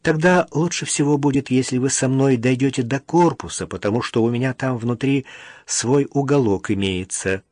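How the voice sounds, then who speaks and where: A man voicing a frail, stubborn old man who speaks quietly and firmly with gentle irony, in an audiobook reading. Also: medium pitch, normal speed, no room sound, clean studio sound, lightly acted. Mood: agreeable. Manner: quiet, firm, gently ironic.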